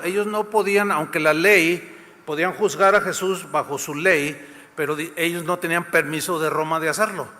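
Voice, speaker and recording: A man's voice: on the high side, bright, forceful tone, in a large hall. A man with a Mexican accent preaching a sermon, retelling scenes vividly and addressing the congregation. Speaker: pastor.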